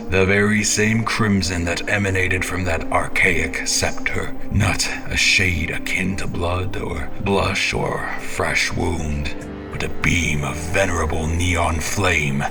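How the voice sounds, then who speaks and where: In a theatrical monologue, a man plays an obsessed, menacing, half-mad champion. His low-pitched voice is grandiose and brooding, broken by whispery breaths.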